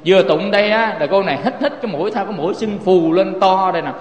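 This Buddhist sermon comes from a fast-talking man whose voice sits high, heard in an echoey room with a long reverb tail. Speaking with a Southern Vietnamese accent, he asks rhetorical questions and keeps speaking straight to his listeners.

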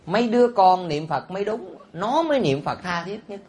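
A man, a Buddhist monk preaching a sermon. He is animated and teasing, and often puts rhetorical questions to his listeners. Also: high voice, normal speed, a little hiss or hum. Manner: teasing and humorous.

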